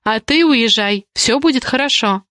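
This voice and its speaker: A woman reading the lines of a defiant young woman, an indignant ward who argues with rapid questions. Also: fairly high pitch, a bit bright, no room sound, studio quality, lightly acted. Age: young adult.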